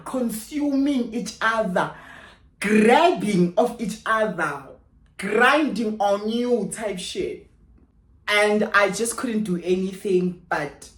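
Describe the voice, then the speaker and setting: A young South African woman with a South African accent, telling an animated storytime and mixing English with Zulu. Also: medium pitch, echoey room. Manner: expressive, mixes English with Zulu, swings between loud and hushed. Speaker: YouTuber.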